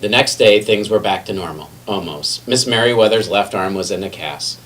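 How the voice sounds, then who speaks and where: Slips and self-corrections pop up now and then as a man reads a children's picture book aloud with plenty of expression. His voice is fairly low with a fairly bright tone, moving at normal speed. A distant mic picks him up, along with faint background noise.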